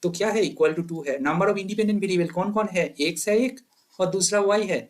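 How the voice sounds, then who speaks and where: A man's voice: sits high, moderate pace. A man teaching a maths lecture, asking questions and answering them himself, mixing in English terms. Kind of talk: lecture to exam students.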